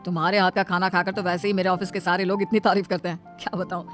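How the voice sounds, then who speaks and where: A woman's voice: on the low side, flat delivery, fast, soft background music, pitched below the performer's own voice, close to an everyday voice. A woman voicing a young office-going husband who pleads with his wife and then scolds her, in a cartoon story. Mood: eager. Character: young husband, office worker, short-tempered. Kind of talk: cartoon voice acting.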